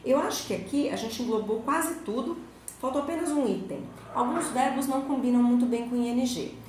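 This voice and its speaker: A woman's voice: fairly high pitch, fairly quick, darkish tone. Brazilian woman teacher going through english grammar step by step, asks the class questions, really echoey room w a bit of hiss. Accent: Brazilian Portuguese. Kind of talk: recorded school lesson. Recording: very echoey room, faint noise.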